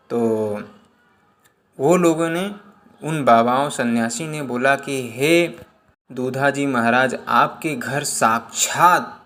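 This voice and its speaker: Slow-spoken man telling a devotional story. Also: on the high side. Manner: repetitive, links lines with "he said".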